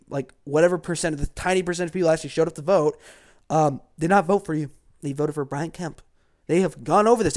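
A man from Georgia ranting about politics in a casual, sarcastic and mocking way, dropping to mutters and then flaring up. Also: fairly high pitch. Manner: sarcastic and mocking, swinging from mutters to loud outbursts. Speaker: political commentator.

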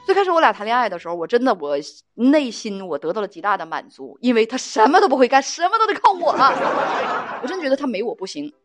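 A woman hosting a talk show, telling a relationship story in a chatty, animated way and acting out the quotes. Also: fairly high pitch, quick pace, soft background music. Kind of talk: storytelling monologue.

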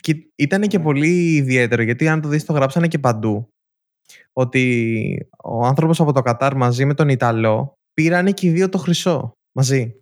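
Lively young man telling sports stories. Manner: animated storytelling, rising pitch when excited. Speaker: podcast co-host. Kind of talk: casual chat.

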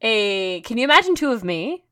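Lively, animated woman podcast co-host. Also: fairly high pitch, normal speed, no room sound, clean studio sound. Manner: animated, laughs often, quotes herself. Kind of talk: casual storytelling chat.

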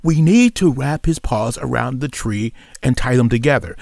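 A man voicing a bossy, cautious male hunter who gives hushed orders. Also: medium pitch, expressive, normal speed, vocal fry, no echo, studio quality. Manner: hushed, commanding.

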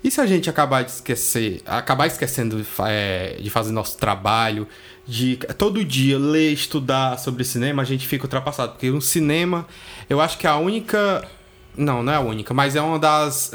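A man's voice: mid-range voice, brisk, fairly bright tone. A man, co-hosting a podcast in casual chat, blunt and swearing freely as he thinks aloud. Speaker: podcast co-host. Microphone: studio microphone.

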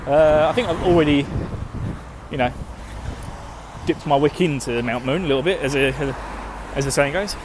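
A gaming show host from Essex, England rambles casually to listeners at normal speed, his voice a little high. He swears plenty and jokes around informally, with an Estuary English accent and a slightly slurred, lazy way of speaking. The noisy recording comes from a handheld phone while he walks outdoors through urban streets, traffic audible.

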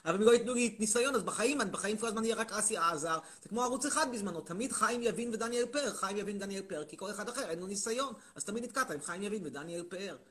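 A man's voice: sits high, expressive, hardly any pauses, fairly bright tone. A man hosting a live stream, needling his caller and ranting in mocking, repetitive bursts. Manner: mocking, needling, repeats himself in rising rants. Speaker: host of a live stream taking callers and questions. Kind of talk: provocative live-stream monologue.

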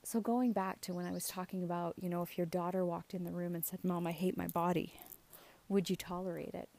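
A middle-aged self-esteem coach hosts a show, speaking briskly in a lowish, gravelly, warm voice with flat delivery. Her talk is casual and earnest, said out of the side of her mouth, with emphatic questions to check in with listeners.

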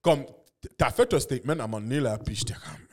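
A man, hosting a podcast in a slangy, halting casual style. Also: medium pitch, animated, darkish tone.

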